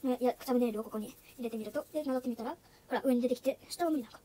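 Very fast and chatty, a woman hosting a YouTube channel gives a casual tutorial on a phone app. Her high, light voice is sprinkled with little fillers, and she keeps dropping into soft, near-whispered asides.

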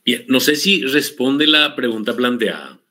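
A man teaching an online Guaraní language class, explaining patiently and repeating words slowly for his students. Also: medium pitch, expressive, pushed and bright.

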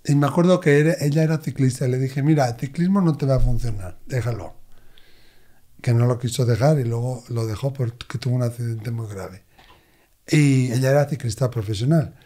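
A man, a medium, telling expressive stories as an interview guest. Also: mid-range voice, brisk. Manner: expressive, animated anecdotes. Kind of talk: conversational storytelling.

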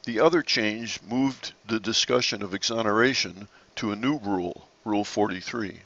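A man narrating a slide-based lesson on sailing rules in a measured, explanatory way. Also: fairly low pitch, fairly bright tone, highs cut off. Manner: measured, explanatory, occasional restarts.

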